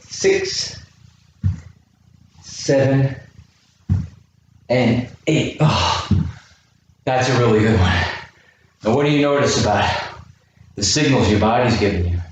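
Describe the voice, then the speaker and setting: Counting reps out loud and asking the kids encouraging questions, a fairly low-pitched man coaches a home workout class. A camera microphone picks him up from a distance in an indoor room with a chair, so the lo-fi sound is very echoey with faint noise.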